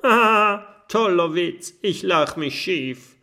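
A man voicing a young female porcupine in a children's audiobook, fearful and sharp-tongued. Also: a little high, sing-song, takes it slowly, creaky, voice pushed up, heavily acted. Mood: boastful.

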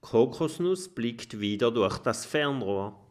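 A man narrating a children's book in an expressive, storytelling style. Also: medium pitch, slow. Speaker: audiobook narrator.

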